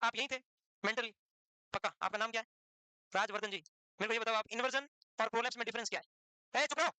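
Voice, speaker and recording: Fast, high-voiced, teasing male lecturer. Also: steady tone, bright, forceful tone, smooth, no room sound. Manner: teasing, fires questions at students. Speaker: nursing lecturer. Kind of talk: live classroom lecture. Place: classroom with students.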